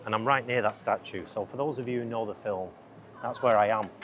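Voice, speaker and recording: A man's voice: lowish voice, fairly quick. A man hosting a podcast in a casual, rambling, easily distracted way, recorded outdoors on a lapel mic. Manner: easily distracted, chatty, self-interrupting. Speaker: podcast host and filmmaker. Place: outdoors on a busy city riverside. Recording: outdoor lapel mic with loud surrounding noise. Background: loud outdoor ambience.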